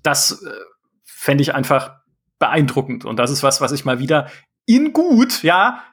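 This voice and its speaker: A man's voice: a little high, big pitch swings, a little slow, a bit bright, breathy edge. A man hosting a podcast, enthusiastic and exclamatory in casual conversation. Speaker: podcast host.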